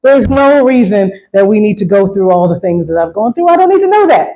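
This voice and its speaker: A woman's voice: mid-range voice, animated, brisk, dark tone, rough recording. A woman performing a stand-up comedy set, talking loosely and with lots of swearing, often asking the crowd to agree with her. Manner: loose, profane, keeps asking the crowd "right?".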